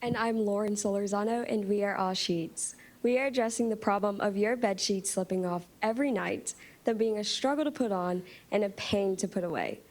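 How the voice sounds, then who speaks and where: Young female co-founder, mid-range voice, scripted startup pitch to a panel. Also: normal speed, few pauses, a little mellow. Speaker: startup team member pitching. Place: meeting room, standing before seated judges.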